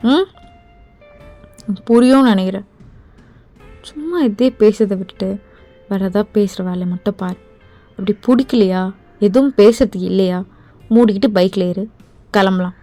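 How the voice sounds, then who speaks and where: A woman's voice: mid-range voice, moderate pace, long pauses, warm tone, dry recording, faint music behind, lightly acted. A woman voicing an irritated young boyfriend in a fan voice drama, with a curt, harsh, dismissive manner.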